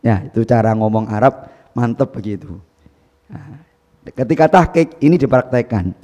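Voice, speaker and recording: A man teaching Quran recitation, explaining patiently and reciting Arabic verses slowly with stress. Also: mid-range voice, expressive, warm tone, in a large hall. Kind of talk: instructional talk with recitation demos. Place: pesantren hall.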